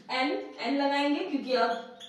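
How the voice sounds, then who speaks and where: A woman's voice: high voice, background noise. A woman teaching English grammar in a casual whiteboard lesson, often asking her viewers questions and checking in with them. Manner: repeats questions to viewers, frequent checking "theek hai". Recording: very echoey room, voice from a distance.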